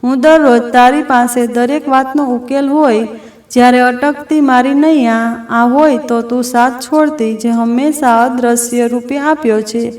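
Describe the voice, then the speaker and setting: A tender, devoted young man speaks with warm concern for his friend, as a woman voices him for a storybook narration. The voice sits high. It has a roomy echo, heard from some distance off the mic. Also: fairly even intonation, measured pace, close to an everyday voice.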